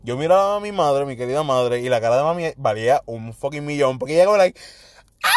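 A young man with a Puerto Rican accent spins his stories in a loose, animated way, sprinkling English slang and acting out every quote. His voice sits at an ordinary middle pitch. The sound is dry and close, with no room echo. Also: fast. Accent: Puerto Rican Spanish. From Puerto Rico. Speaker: vlogger telling personal stories. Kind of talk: casual storytelling monologue.

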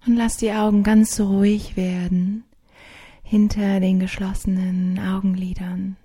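A woman narrating a guided sleep meditation in a soft, hushed, soothing, partly whispered voice with long pauses, like a sleep story narrator. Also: medium pitch, level tone. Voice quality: soft, breathy.

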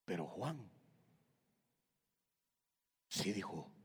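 A man from Guatemala with a Guatemalan Spanish accent, preaching a fervent sermon in a church. He swings from shouted calls to hushed whispers and keeps addressing his listeners as brother. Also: low-pitched, very animated, very slow, breathy edge. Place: church hall. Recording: long reverb of a large hall.

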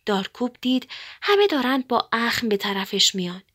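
A woman reads a children's story aloud in a gentle, expressive manner. Her voice sits fairly high and moves with animated, lively pitch. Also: breathy edge.

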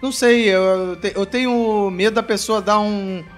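A man's voice: sits high, fairly even intonation, moderate pace, faint music behind. A man with a Brazilian Portuguese accent, telling his habits in a hesitant, rambling way. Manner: hesitant, rambling with many restarts. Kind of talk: casual group chat.

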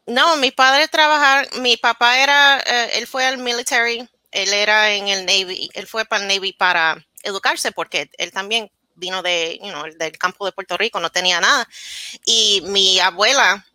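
A New Jersey woman in her thirties, appearing as an interview guest, recounts her story candidly in a casual setting and moves into English words mid-sentence. Her mid-range voice comes at a normal speed, pushed and bright, without any room sound.

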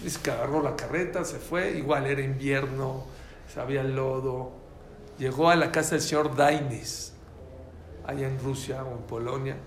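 A man teaching a lively religious class, telling stories and quizzing his listeners. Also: medium pitch, normal speed, a little hiss or hum. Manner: animated storytelling, quizzes listeners. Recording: echoey room, faint ambience.

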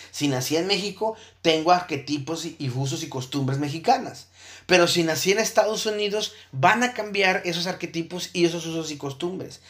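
A man with a high, slightly bright voice gives an explanatory lecture on Buddhist ideas, thinking aloud as he goes. He checks in with his listeners often, using frequent tag questions.

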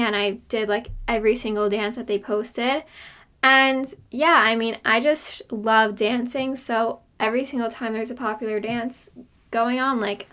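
Overheated woman podcasting from inside a closet, sharp bright voice, says like a lot. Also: a little high. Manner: gushing, emphatic, heavy use of "like". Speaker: podcast co-host. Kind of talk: casual chat. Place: inside a small hot closet.

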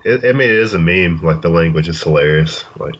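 Male co-host, relaxed and sure of his views, low voice, lo-fi sound. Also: brisk. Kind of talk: casual chat. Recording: dull lo-fi audio with faint noise.

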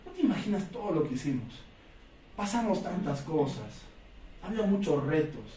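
A man's voice: on the high side, big pitch swings, moderate pace, warm tone. A man giving a motivational talk to a sales team, telling stories and acting out quoted voices. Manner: storytelling, acts out quoted voices. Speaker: motivational speaker for a sales business. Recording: echoey room, distant mic.

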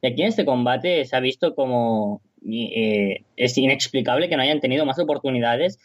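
A man's voice: medium pitch, expressive, moderate pace, no room sound, highs cut off. A man speaking as a wrestling commentator, giving conversational, reflective analysis with his own opinions.

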